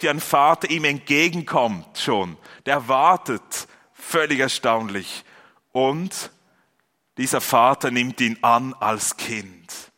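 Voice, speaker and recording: A man preaching a sermon, retelling a parable and reading scripture aloud in a calm way. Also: mid-range voice, big-room sound. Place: church.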